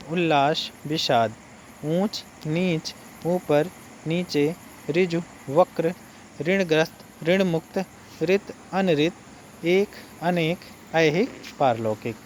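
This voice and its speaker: A man teaching an exam-prep lesson, reading out word pairs slowly and adding brief explanations. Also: on the high side, slight background noise.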